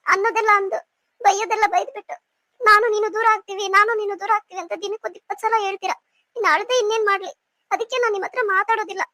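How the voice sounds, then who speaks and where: A woman's voice: very high-pitched, fairly even intonation, very fast, sharp tone, no echo, studio quality. A woman voicing a sulky, emotional young wife in a cartoon, with a pleading manner. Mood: tearful. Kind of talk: cartoon voice acting.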